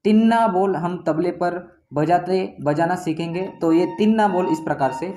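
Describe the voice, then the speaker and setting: A man's voice: high-pitched, normal speed, dark tone, soft background music. A man teaching tabla step by step, patiently repeating each stroke name as he demonstrates it. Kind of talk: step-by-step music lesson. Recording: tabla strokes played between speech.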